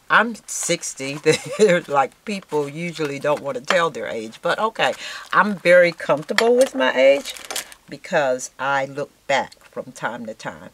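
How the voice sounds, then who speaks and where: Low-voiced sixty-year-old woman chatting. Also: slight background noise. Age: 60s. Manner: chatty, warm, frequent fillers and repeated "yes". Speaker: craft vlogger. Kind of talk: casual chat while crafting. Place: indoors at a cluttered craft table.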